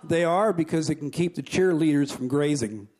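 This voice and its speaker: Middle-aged man, after-dinner speaker, folksy joke-teller, somewhat high voice. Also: moderate pace, noisy background. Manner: folksy joke-telling with chuckles. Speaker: convention speaker. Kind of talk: after-dinner jokes and speech. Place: banquet hall.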